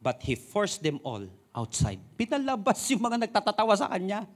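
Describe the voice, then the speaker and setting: A Filipino-accented male pastor delivers a lively sermon in a high voice that swoops up and down. He moves between Tagalog and English and stretches out the scripture lines slowly for weight. The delivery is animated and expressive.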